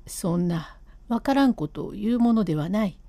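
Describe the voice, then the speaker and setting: A woman's voice: lively intonation, moderate pace, warm tone, no room sound, lightly acted. A woman voicing an older male master painter who keeps apologizing yet refuses to give in, in a storybook reading of a classic comic tale. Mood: pleading. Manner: lowered voice, pleading and firm by turns.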